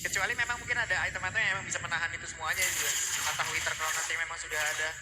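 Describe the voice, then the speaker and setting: A man with an Indonesian accent giving fast commentary as an esports shoutcaster. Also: on the high side, steady tone, heavy background noise. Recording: loud music behind the voice.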